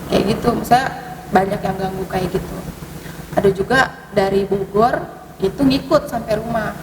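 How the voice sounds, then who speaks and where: Hesitant woman in an echoey hall. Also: moderate pace. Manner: hesitant, many fillers, sudden rises in pitch. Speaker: podcast guest telling ghost stories. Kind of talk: casual storytelling conversation. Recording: distant mic, echoey hall, noisy.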